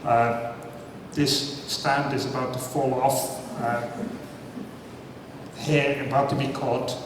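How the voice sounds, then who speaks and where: Speaking slowly, a man in his fifties from the Netherlands entertains a live crowd at a science talk night with easygoing, self-deprecating banter and frequent questions. The large hall echoes heavily, the microphone is well away from him, and steady noise runs under his words.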